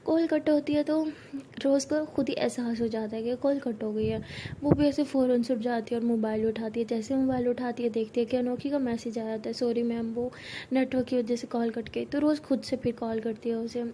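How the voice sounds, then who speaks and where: A young woman narrates a love story casually, chatting along with plenty of filler words. Her voice sits high, with a mellow, darker tone. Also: steady tone, brisk, slight background noise. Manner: chatty, uses many fillers.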